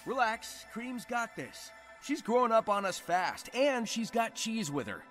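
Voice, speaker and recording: A breezy, confident young American hedgehog hero from a video game. His voice sits high and bounces around in a wisecracking, easygoing way, over music. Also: animated, unhurried, a bit bright, heavily acted. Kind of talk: video game cutscene acting.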